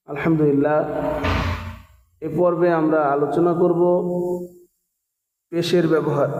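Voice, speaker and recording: A man's voice: fairly high pitch, dark tone. A man teaching Arabic letter reading, chanting each syllable again and again in a sing-song drill. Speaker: Quran teacher. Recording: echoey, distant, long reverb with faint music.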